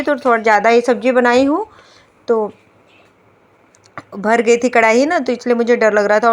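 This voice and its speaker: A woman in her thirties narrating her home vlog in a chatty, homely way, talking to viewers as friends. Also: on the high side. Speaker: vlogger, homemaker. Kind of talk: casual voice-over home vlog.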